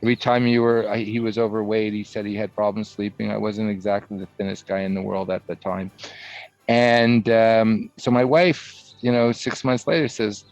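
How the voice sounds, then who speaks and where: A middle-aged man from Canada telling a personal story in a casual interview, rambling and animated with frequent restarts. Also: fairly low pitch, normal speed. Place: video call. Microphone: computer microphone on a video call. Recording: muffled video call audio.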